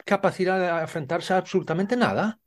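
A man from Spain hosting a podcast, chatting casually in an animated way, often halting and restarting his sentences. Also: high voice. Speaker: podcast host. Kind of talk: casual chat.

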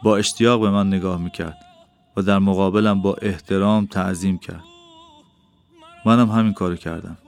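Lowish male audiobook narrator. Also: steady tone, pauses often, a little mellow, clean tone. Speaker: audiobook reader. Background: faint background music.

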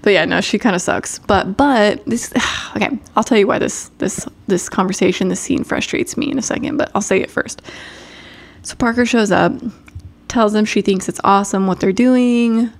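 Woman host, chatty recap, rambling with fillers and laughs, mid pitch. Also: moderate pace, gravelly. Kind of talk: casual chat.

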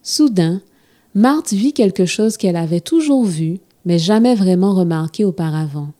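A woman telling a storybook tale to children in a gentle, expressive reading style. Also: fairly low pitch, moderate pace.

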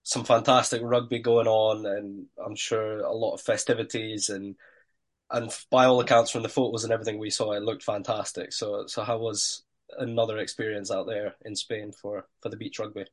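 Croaky Scottish man hosting a podcast. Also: lowish voice, flat delivery, normal speed. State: slightly croaky, hoarse voice. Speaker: podcast host. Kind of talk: casual sports podcast chat.

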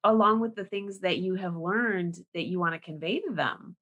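A woman's voice: fairly low pitch, normal speed, a bit bright, muffled recording. A woman hosting an interview podcast, encouraging her guest and summing up his points for her audience. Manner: encouraging, affirming, sums up for the audience. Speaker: podcast host. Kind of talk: interview conversation.

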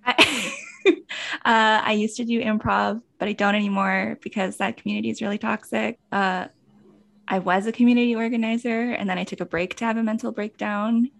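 A young woman co-hosting a casual podcast chat, wry and self-deprecating, often halting mid-sentence. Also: mid-range voice, fairly even intonation, vocal fry. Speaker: podcast co-host.

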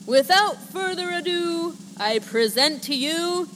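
A woman voicing a booming male circus ringmaster who announces in a grand, drawn-out way. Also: lively intonation, fairly bright tone, long reverb tail, exaggerated voice.

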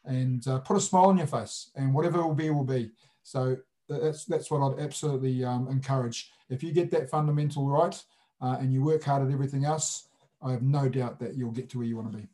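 A man with a broad Kiwi accent talks in a casual interview style at a middling pitch. He is blunt and jokey, leaning on colloquial phrasing as he answers as a guest. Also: brisk, dark tone. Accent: broad New Zealand. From New Zealand. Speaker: sports referee, interview guest.

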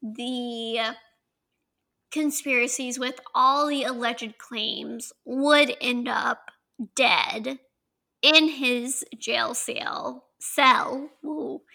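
A woman in her twenties with a Southern accent, co-hosting a podcast in casual chat, chatty and quick to laugh. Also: a little high, fairly even intonation, creaky, bright, forceful tone, low-quality recording. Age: 20s. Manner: chatty, laughs often, draws out words. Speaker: podcast co-host.

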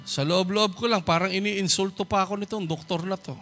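A man's voice: high voice, steady tone, fairly quick, fairly bright tone, soft background music. A man preaching as a pastor, telling a personal testimony in a polite storytelling manner and acting out the voices of the people in it. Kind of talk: sermon testimony.

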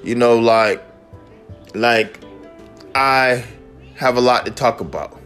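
A man hosting a mock talk-radio show, ranting excitably and repeating himself with lots of "like.". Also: medium pitch, takes it slowly, soft background music. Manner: excitable, repetitive, peppered with "like". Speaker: host of a homemade radio-style show.

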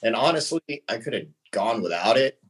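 A man in his thirties with a very low voice, talking in an easygoing, unhurried way. He is a podcast guest who chats casually and slips in short laughs between thoughts. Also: breathy edge, low-quality recording. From United States. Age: 30s. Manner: relaxed, laughs between answers. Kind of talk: casual conversation.

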